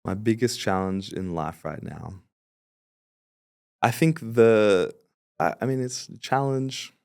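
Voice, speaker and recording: A man's voice: on the low side, slow, creaky, darkish tone, clear, resonant tone, dry recording, clean studio sound. A man in his late twenties, a podcast guest talking confidently and agreeably about his business. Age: 20s. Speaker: podcast guest, fulfillment company founder. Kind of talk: casual interview talk.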